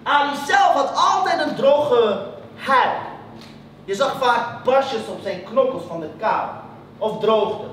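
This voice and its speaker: A man performing a spoken-word story on stage, animated and emphatic. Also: extremely high pitch, slow pace. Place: stage in a hall. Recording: echoey stage, from far off, room noise.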